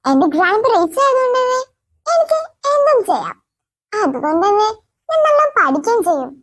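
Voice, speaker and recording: A woman voicing a haughty new schoolgirl who talks in a slow, self-important drawl. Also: extremely high pitch, big pitch swings, a bit bright, heavily acted. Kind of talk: cartoon voice acting.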